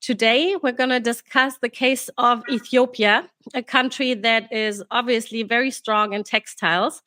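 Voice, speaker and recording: A woman hosting an interview podcast, reading out prepared questions in a measured way. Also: on the high side, fairly even intonation, pushed and bright, no echo. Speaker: podcast host.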